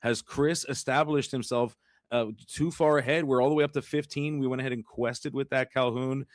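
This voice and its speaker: A man calls a card game match live, chatty and excitable, laughing often between plays. His voice sits mid-range and comes through dry and close. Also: medium pitch, normal speed, dry recording. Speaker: caster.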